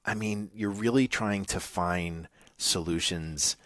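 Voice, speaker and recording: A man's voice: sits low, slow pace, fairly bright tone, no room sound, studio quality. A man with a New England accent co-hosting a podcast, speaking in a thoughtful, rambling way with many ums and tag questions. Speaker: podcast co-host. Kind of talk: casual podcast chat.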